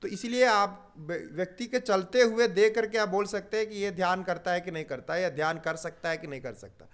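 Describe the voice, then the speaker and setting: An older man teaching yoga philosophy, explaining patiently with everyday examples and pausing on drawn-out fillers. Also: sits high. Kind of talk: spiritual teaching talk.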